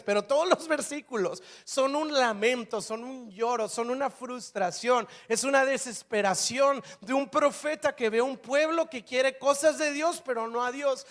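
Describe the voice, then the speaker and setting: Pastor, male, very high voice, lively sermon storyteller who acts out dialogue. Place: church.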